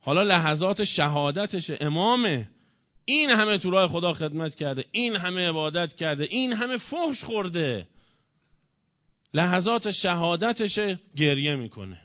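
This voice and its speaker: A man preaching a mourning sermon in a fairly high voice, swinging between hushed telling and loud, grieving cries. The recording is dull and muffled, with a dry, close sound and no room echo. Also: big pitch swings. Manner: lamenting, emotional, swelling from soft narration to loud grieving cries. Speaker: preacher reciting a mourning lament.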